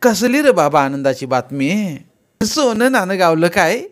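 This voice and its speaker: Give me a man playing a sharp, doting old village mother-in-law with a rural Marathi accent, high and loud. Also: lively intonation, a little slow. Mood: fussing.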